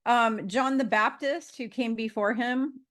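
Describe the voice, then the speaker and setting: A woman's voice: fairly high pitch, a little slow, a bit bright. Rambling woman in her fifties. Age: 50s. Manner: meandering, with frequent fillers and restarts. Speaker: guest. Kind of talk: casual conversation.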